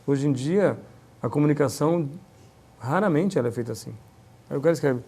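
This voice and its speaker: A man with a mellow, somewhat higher voice. He talks in an animated, chatty way, acting out little dialogues and checking in with tag questions. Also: brisk, husky. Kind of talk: casual conversation.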